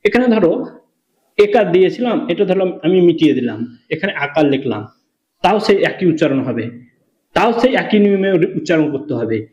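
A man teaching a beginner reading lesson, slow and patient, asking questions and answering them himself. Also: high-pitched, sing-song, darkish tone. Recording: echoey room, dull lo-fi sound.

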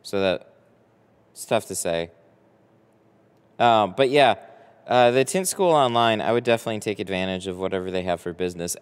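A low, smooth-voiced American man in his early thirties, a window tinter, chats casually with viewers on his livestream. He speaks into a close boom-arm microphone in a large garage workshop with a boat, and the space sounds like a reverberant hall.

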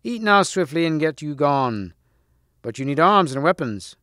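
A man's voice: fairly high pitch, very animated, moderate pace, a bit bright, dry recording, studio quality. A man voicing a regal king who speaks firmly and formally. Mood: commanding. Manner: firm, formal, commanding.

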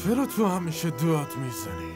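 A man's voice: on the high side, wildly swooping pitch. An actor dubbing a drunk, heartbroken young man who talks back to his family, slurring and bitter, in a TV drama dub. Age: young adult. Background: music with violin.

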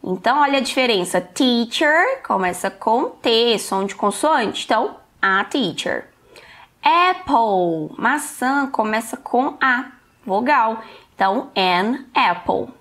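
A woman's voice: fairly high pitch, animated, slow, a bit bright. A woman teaching an online English lesson, explaining step by step and often checking in with "ok?".

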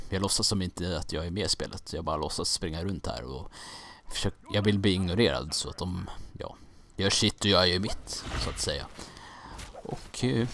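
A man's voice: low voice, a little hiss or hum. A young man from Sweden casually commenting on his own gameplay, rambling, joking and getting confused, with some mild swearing. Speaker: gaming let's-player.

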